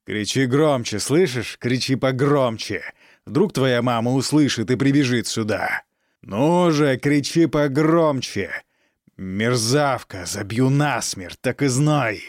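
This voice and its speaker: A man's voice: mid-range voice, measured pace, dry recording, clean studio sound, natural voice. A man playing a cruel aristocratic count who harshly berates his daughter in an audiobook reading. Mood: furious. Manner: harsh, shouting, menacing.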